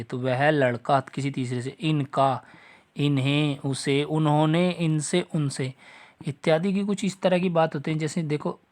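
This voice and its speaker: A man teaching a Hindi grammar lesson for exam prep. He talks straight to his students, repeats the example sentences and checks that they follow. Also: on the high side.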